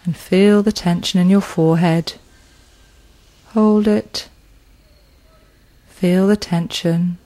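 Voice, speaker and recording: A woman guides a progressive muscle relaxation session. Her voice sits low and mellow, and she speaks very slowly and soothingly, letting long pauses fall between phrases. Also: rough recording.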